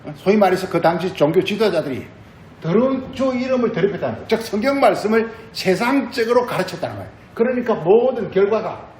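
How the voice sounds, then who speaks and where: A man's voice: high-pitched, animated, brisk, darkish tone, reverberant, a little hiss or hum, rough recording. A male pastor giving a sermon, repeating phrases and asking the congregation questions. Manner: repetitive, asks the congregation questions.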